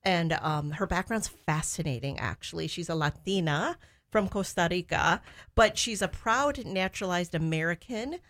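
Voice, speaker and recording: A woman with a low voice co-hosts a chat show. She talks eagerly and chattily, with plenty of enthusiasm. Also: animated, normal speed, fairly bright tone. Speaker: co-host. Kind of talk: casual chat.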